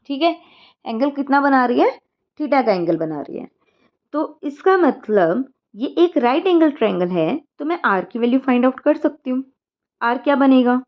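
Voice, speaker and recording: A woman's voice: fairly high pitch, lo-fi sound. Woman teaching maths step by step. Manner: explains step by step, checks in with "ठीक है" and "clear है". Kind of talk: whiteboard maths lesson.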